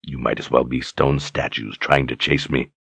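A man voicing a menacing, brutish male tyrant with a deep, grating voice, taunting his captives slowly and with mocking calm. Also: gravelly, breathy edge, no room sound, exaggerated voice. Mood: mocking menace. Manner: mocking, taunting, slow and deliberate.

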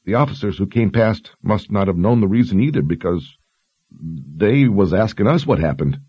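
A man's voice: low-pitched, animated, moderate pace, warm tone, slightly rough, no room sound, muffled recording, pitched above the performer's own voice. A man voicing a frightened, dutiful young woman sergeant who speaks earnestly and deferentially. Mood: anxious.

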